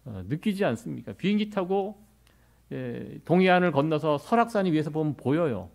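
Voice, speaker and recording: A man's voice: a little high, expressive, moderate pace, creaky, a little mellow. A middle-aged man from Korea, preaching a sermon as pastor in a conversational way, with many rhetorical questions to the congregation.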